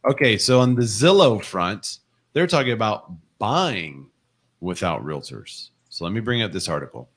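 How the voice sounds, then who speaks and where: A man's voice: lowish voice, sing-song, normal speed, fairly bright tone, husky. A man co-hosting a casual real estate livestream, chatting and reading viewer comments and news articles aloud. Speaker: co-host of a real estate show.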